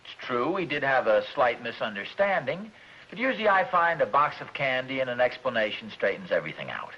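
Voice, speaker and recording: A man's voice: medium pitch, sing-song, fairly quick. A man playing a fretful middle-aged husband and father in a 1950s radio sitcom, talking in an earnest, flustered way. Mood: defensive. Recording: dull lo-fi old radio broadcast.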